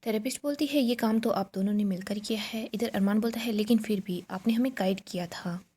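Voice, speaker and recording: A woman with a husky, breathy voice tells a serial's episode in brisk storytelling fashion. She reads every character's lines herself at a mid pitch and stays in her own voice throughout. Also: mellow. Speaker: serial recap narrator.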